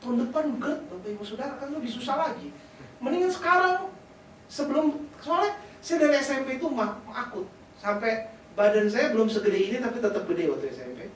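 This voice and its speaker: A man's voice: extremely high pitch, expressive, fairly quick, distant mic. A man preaching a sermon as pastor, joking and conversational, often asking the congregation rhetorical questions. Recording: very echoey hall, voice off-mic, faint hiss.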